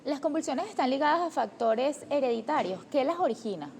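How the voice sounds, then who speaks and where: A woman's voice: high voice, lively intonation, fairly quick, darkish tone, slight background noise. A woman, a TV presenter asking brief, direct interview questions.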